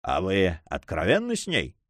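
A man's voice: sits low, wildly swooping pitch, normal speed, fairly bright tone, dry recording, studio quality, voice pushed down, heavily acted. A man voicing a gallant young nobleman who speaks courteously and earnestly to the ladies.

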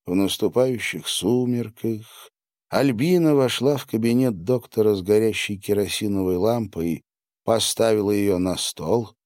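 A man narrating an audiobook in a measured, expressive reading. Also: on the low side, no room sound, studio quality. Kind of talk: scripted narration.

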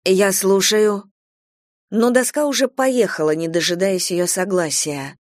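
A woman narrating a story in the first person, in an even storytelling manner. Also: lowish voice, moderate pace, dry recording, studio quality. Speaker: audiobook reader.

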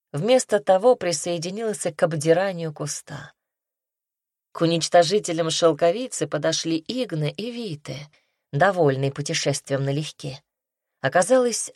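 Low-voiced woman narrating a fantasy novel. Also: darkish tone, dry recording, studio quality. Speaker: audiobook narrator. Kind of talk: scripted narration.

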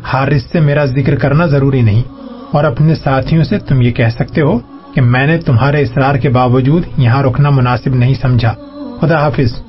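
A man reading a polite young noble rider from an audiobook, calm and formal, muffled lo-fi sound with soft music underneath. He speaks at an even, steady pitch. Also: natural voice. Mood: courteous. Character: young male noble horseman, courteous. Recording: dull lo-fi audio, faint music.

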